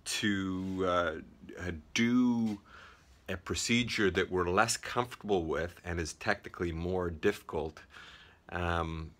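Middle-aged male physician, very low voice, loose rambling teaching talk into a handheld phone. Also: slow pace, fairly bright tone. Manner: rambling, many fillers and restarts. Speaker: emergency physician educator. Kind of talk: informal teaching vlog. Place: small office indoors. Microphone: phone held at arm's length.

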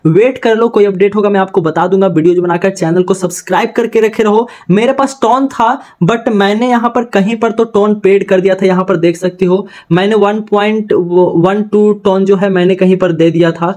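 A man's voice: high voice, a little mellow. A man, talking casually and informally as he walks viewers through an app on screen. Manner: chatty, informal, repeats "bhai" and "dost". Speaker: crypto YouTuber. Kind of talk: casual screen-recording walkthrough.

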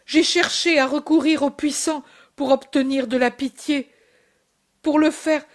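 Woman reading a grieving, gentle mother. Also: high-pitched, steady tone, unhurried, pitched above the performer's own voice. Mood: anguished. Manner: soft, tender, short phrases.

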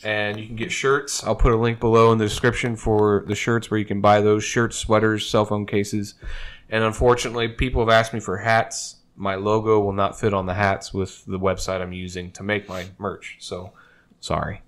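Male host, lower voice, easygoing opinionated car-talk delivery. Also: little pitch movement, a bit bright. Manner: laid-back, opinionated, quick asides. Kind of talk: casual chat. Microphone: table microphone.

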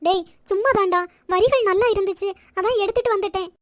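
A woman's voice: very high voice, expressive, a little fast. A woman voicing a timid, sensitive young college woman in a cartoon, anxious and pleading.

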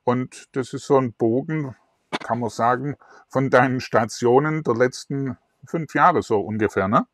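A middle-aged man hosts an online interview in a chatty, filler-heavy way. His voice sits at a middling pitch and is recorded close and dry on a lapel mic. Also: unhurried, dry recording. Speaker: host. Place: indoors in front of a virtual backdrop.

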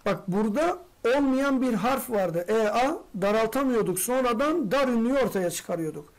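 A teacher giving an exam-prep grammar lesson, posing quick rhetorical questions, answering them, and addressing the students familiarly as friends. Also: mid-range voice, animated.

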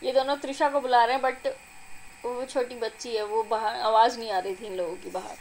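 A young adult woman, a vlogger and mother, narrating her family video in a chatty, doting, excited voice-over. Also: on the high side, brisk, a little hiss or hum, poor audio. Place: recorded apart from the filmed scene.

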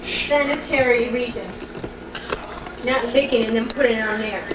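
On an old, hissy VHS home video, a woman with a slightly high, steady voice bossily directs the cake icing in her home kitchen, talking at a normal speed. The camcorder mic catches this casual home-movie chatter from far off, and the kitchen sounds echoey.

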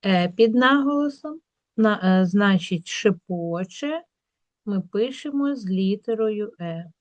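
A woman teacher working through a school workbook, drawing words out slowly to show where the stress falls. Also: medium pitch, expressive, dry recording, muffled recording. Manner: slow, drawn-out word demonstrations.

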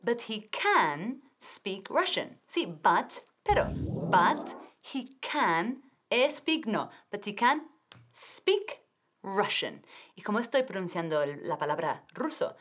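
A woman teaching English on a TV lesson, drilling pronunciation clearly and encouragingly. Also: medium pitch, sing-song, slow, a bit bright. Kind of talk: TV language lesson.

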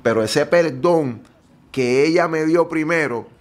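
A man's voice: fairly high pitch, a little slow. A Puerto Rican man tells his personal story as an interview guest. He speaks earnestly in a slightly raised voice and keeps checking in with his listener through short tag questions. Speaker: guest giving testimony. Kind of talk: personal testimony in conversation.

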